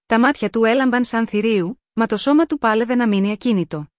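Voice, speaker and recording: Reading like an audiobook, a woman storyteller narrates a romance in the first person, her tone sensual and even. She pitches her voice a touch high and stays calm throughout. The recording is close and dry, carrying no sense of a room.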